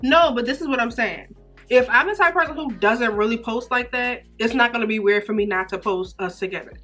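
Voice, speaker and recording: A young woman in casual girl-talk, speaking in an animated, emphatic, slangy way. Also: a little high, brisk, faint music behind.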